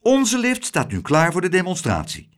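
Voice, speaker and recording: A man voicing a brisk, excited woman announcing news in a quick, lively manner. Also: high voice, voice pushed up.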